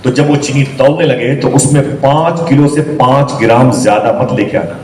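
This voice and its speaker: A man's voice: mid-range voice, a little mellow. A man preaching a storytelling sermon in a mosque, emphatic and often asking his listeners to agree. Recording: echoey hall, voice from a distance, faint noise.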